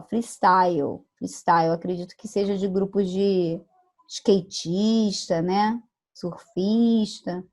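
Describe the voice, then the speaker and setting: A woman from Brazil teaches an online class at a steady middle pitch. She explains each point patiently and keeps checking that her students are following. Now and then she acts out a sample phrase. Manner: explanatory, checks understanding with "tá bom?" and "né?"; acts out regional phrases in quoted voices.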